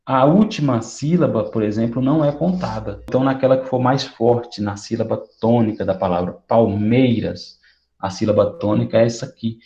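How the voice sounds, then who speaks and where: Gravelly-voiced male teacher, roomy lo-fi. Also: mid-range voice, moderate pace, mellow. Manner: explanatory, checks in with "né?" and "certo?". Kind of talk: recorded online lesson. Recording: roomy, dull lo-fi sound.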